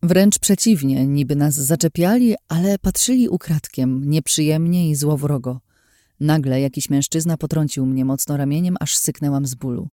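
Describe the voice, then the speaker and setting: Mellow-voiced woman reading an audiobook. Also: deep voice, normal speed, no room sound, studio quality. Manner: first-person storytelling. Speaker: audiobook narrator. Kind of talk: audiobook narration of a fantasy novel.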